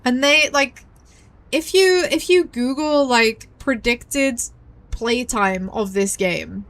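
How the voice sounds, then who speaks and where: A woman streaming a visual novel, giving excitable, casual commentary with frequent swearing and laughter. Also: on the high side, takes it slowly. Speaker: VTuber streamer. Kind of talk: casual let's-play commentary.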